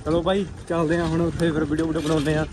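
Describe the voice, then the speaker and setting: High-pitched young Punjabi man vlogging. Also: monotone, rapid-fire, background noise. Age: 20s. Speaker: vlogger filming his friends. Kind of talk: casual vlog chat. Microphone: phone at arm's length.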